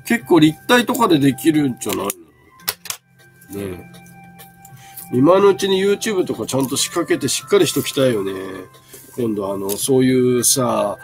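A man's voice: medium pitch, big pitch swings, moderate pace, long pauses, soft background music. A man in his fifties selling bags on a casual live stream, chatting and answering viewer comments as he shows each item. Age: 50s.

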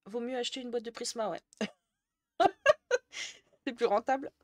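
A woman's voice: fairly high pitch, big pitch swings, slow. Chatty woman streamer answering her chat. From Jura, France. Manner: chatty, answers chat messages, laughs often. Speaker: Twitch streamer. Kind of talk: casual live-stream chat with viewers.

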